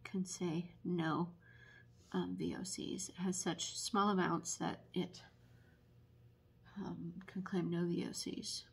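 A woman teaching barn quilt painting at a table in a casual, unhurried tutorial full of ums. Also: lowish voice, level tone, vocal fry, breathy edge. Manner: unhurried, many ums, explanatory. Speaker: painting instructor and paint retailer.

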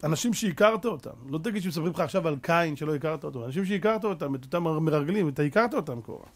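A man's voice: a little high, expressive. A man preaching a Torah sermon as a rabbi, fervent and full of rhetorical questions, mixing street slang with scripture.

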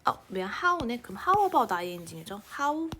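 A young woman teaching English grammar in a casual online lecture, chatting informally and reading example sentences slowly, now and then dropping to a near-whisper. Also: fairly high pitch, very animated, sharp tone, a little hiss or hum.

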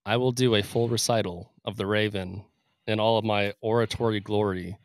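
In clean studio sound with no room ambience, a man co-hosting a podcast talks casually, laughing often and rambling with fillers. He has a lowish voice with fairly even intonation at a moderate pace.

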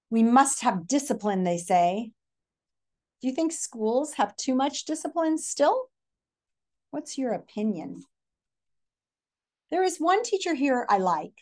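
In a living room, a middle-aged American woman reads a picture book aloud in an ordinary mid-range voice. She is expressive and teacherly, going back and forth between the story and questions for young listeners.

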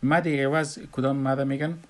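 A man with an Afghan Dari accent teaches Quran recitation in a recorded lesson, explaining slowly and pausing often with "uh". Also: mid-range voice, flat delivery. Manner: slow, explanatory, with frequent "uh" pauses.

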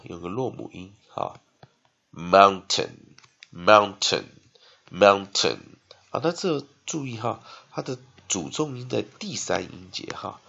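A man's voice: fairly low pitch, gravelly, fairly bright tone, husky, highs cut off. A man teaching an English spelling and phonics lesson in Taiwanese-accented Mandarin, often dragging out syllables and ending phrases with "ha". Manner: drawn-out repeated syllables, frequent "ha" tag.

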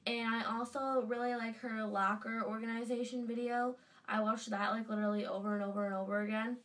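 On the high side and fairly bright, her voice keeps a level tone at a slightly fast clip, caught by a distant webcam on her desk. A teenage girl nursing a cold-stuffed nose, she gushes in a chatty, filler-heavy fan vlog from her bedroom.

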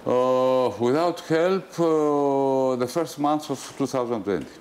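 An older man, a minister interviewed in his office, speaking haltingly with pauses to search for words. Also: mid-range voice, background noise. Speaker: government minister. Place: office indoors. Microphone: lapel mic.

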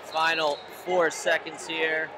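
A man with a slightly high voice delivers steady, informative wrestling commentary. His voice is heard over clear arena noise from a large indoor hall. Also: slow pace. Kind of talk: play-by-play commentary. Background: crowd and arena noise.

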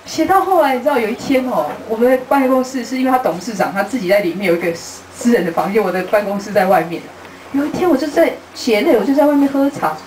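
Lively woman telling stories at a book talk. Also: fairly high pitch, quick pace. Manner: lively storyteller who acts out conversations, laughing often. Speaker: travel author giving a book talk. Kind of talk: live talk to an audience. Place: bookstore event room. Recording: roomy, distant, faint hiss.

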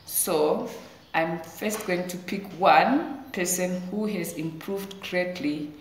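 A woman teacher gives an online assembly for small children, praising them warmly and encouragingly. Her voice sits fairly low. The recording sounds roomy and echoey, with a faint hiss underneath. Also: slow. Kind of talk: online school assembly address. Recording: echoey room with faint noise.

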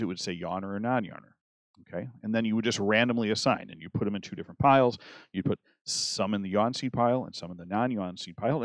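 A man's voice: fairly low pitch, no room sound. A man teaching a statistics lesson in a conversational way, often restarting sentences and checking in with "okay?". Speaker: math teacher.

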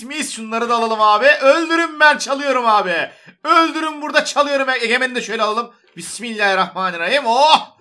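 A man commentating his own gameplay, excitable and teasing, chattering at the other players as he goes. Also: very high voice. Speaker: gaming YouTuber.

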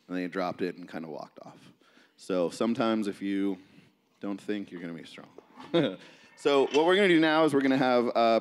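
A medium-pitched man leads an informal, motivational gym seminar as a coach, addressing a seated group in a large indoor gym. His casual talk is caught by a distant camera in the reverberant hall, with slight background noise.

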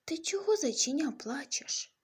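A woman's voice: sits high, lively intonation, measured pace, whispered, pitched above the performer's own voice. A woman doing a tiny kind firefly. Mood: reassuring. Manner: gentle, reassuring. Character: tiny calm male firefly, kind and sure.

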